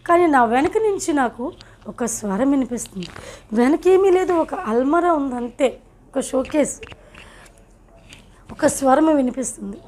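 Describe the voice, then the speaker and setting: Woman, high voice, middle-aged, from India, earnest emotional testimony. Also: darkish tone. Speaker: testimony speaker. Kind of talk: personal testimony storytelling.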